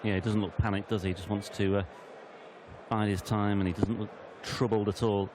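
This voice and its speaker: A man commentating on darts, measured and full of statistics. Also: fairly low pitch, little pitch movement, noisy background. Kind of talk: sports commentary. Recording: commentary over loud arena crowd.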